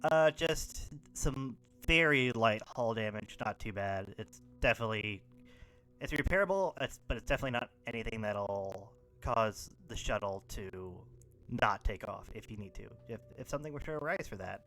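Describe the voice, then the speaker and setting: A man's voice: on the low side, expressive, normal speed, a bit bright. A man narrating a tabletop role-playing game as game master, rambling with many fillers.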